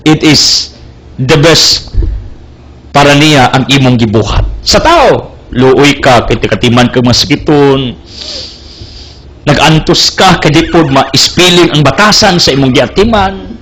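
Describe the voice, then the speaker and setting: Earnest young preacher, slow. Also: male voice, on the high side, expressive, a bit bright. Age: young adult. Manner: earnest, emphatic, mixing English into his preaching. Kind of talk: sermon.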